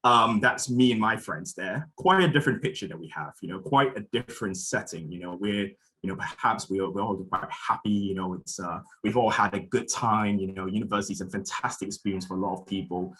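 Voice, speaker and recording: A man's voice: lowish voice, a little fast, hardly any pauses, a bit bright, rough recording. A young man from Malaysia giving a spoken introduction as a symposium chair, thoughtful, with frequent fillers and restarts.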